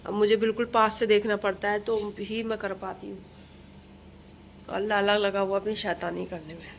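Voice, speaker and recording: A young woman vlogs her day at home on a phone camera, chatting and rambling while she cooks and cleans in her kitchen and other rooms. Her medium-pitched voice has a level tone and moderate pace, with slight background noise.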